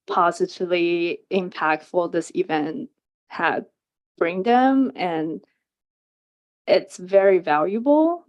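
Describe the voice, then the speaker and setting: Public testifier, woman, earnest and hesitant, dull lo-fi hearing-room recording. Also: on the low side. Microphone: table microphone.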